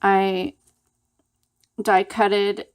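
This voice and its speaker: Slow, easygoing woman showing her crafts. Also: mid-range voice, clean tone. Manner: relaxed, unhurried, chatty step-by-step explaining. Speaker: craft channel host. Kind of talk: casual show-and-tell of a handmade project.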